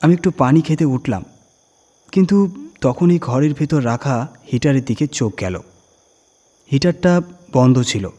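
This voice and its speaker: This man's voice is husky, mid-range, and a bit mellow as he recounts a creepy first-person story, drawing out his words deliberately and adding dramatic emphasis for suspense.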